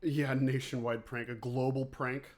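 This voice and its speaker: A man's voice: medium pitch, little pitch movement, measured pace, a little mellow. A man who teaches music, chatting casually on a livestream and joking with his students. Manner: chatty, joking, talks to viewers by name. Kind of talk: casual livestream office hours.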